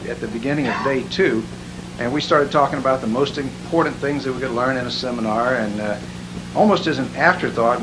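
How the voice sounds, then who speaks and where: A man telling a seminar testimonial as an animated storyteller who chuckles at his own jokes. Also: medium pitch. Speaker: seminar attendee giving a testimonial. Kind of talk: spoken testimonial. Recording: hissy background noise.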